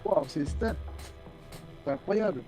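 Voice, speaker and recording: Male gamer at a tabletop session, relaxed casual talk, notably mellow timbre, background music. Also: sits high, measured pace. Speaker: tabletop game player. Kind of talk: casual chat.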